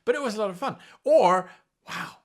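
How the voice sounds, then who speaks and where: A man with an expressive, high-pitched voice speaks at a normal speed as he presents a tabletop game-mastering show. Addressing the camera, he runs through a scripted explanation with lively, over-the-top theatrical stress.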